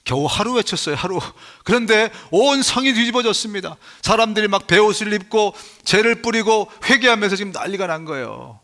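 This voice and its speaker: A man pastor preaching a sermon, telling the story with animated emphasis and speaking straight to the congregation. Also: sits high, fairly quick, few pauses.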